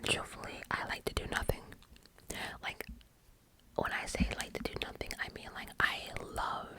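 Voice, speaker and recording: Speaking at a moderate pace, this ASMR creator uses a close, cupped-hand breathy whisper right at the mic. Questions get loose, wandering answers, captured on a low-quality recording.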